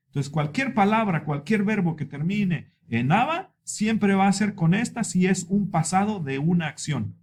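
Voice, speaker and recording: At a board, a male Spanish teacher explains verb endings with patience and plenty of repetition, slowly drawing out example words for learners. His voice is high-pitched with a darkish tone.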